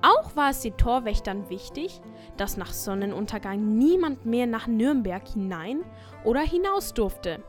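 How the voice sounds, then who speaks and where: Woman storyteller, highish voice, scripted kids tale, faint music behind. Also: sing-song, a little slow. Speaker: narrator. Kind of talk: scripted storytelling narration for children.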